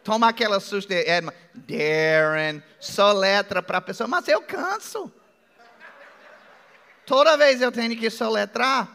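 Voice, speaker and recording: High-voiced American-accented male pastor. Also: vocal fry, pushed and bright. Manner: joking, conversational preaching with drawn-out phrases. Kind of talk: sermon. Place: church hall. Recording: long hall reverb.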